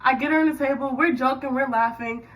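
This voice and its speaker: A young woman in the military telling a casual work story while doing her hair, chatty and animated with sudden loud bursts. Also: sits high, fast, distant mic, background noise.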